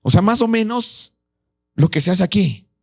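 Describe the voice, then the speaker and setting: Male pastor with a high voice, preaching an animated sermon and quizzing the congregation. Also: normal speed, vocal fry, husky. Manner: animated, acts out voices of the people in the story; asks the congregation questions.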